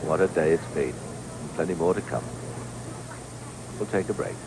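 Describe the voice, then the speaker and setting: A man with a fairly low voice calls golf in a measured, understated way. The recording is an old television broadcast with clear outdoor noise around him. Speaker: golf commentator. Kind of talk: live golf commentary. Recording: noisy outdoor 1980s TV broadcast.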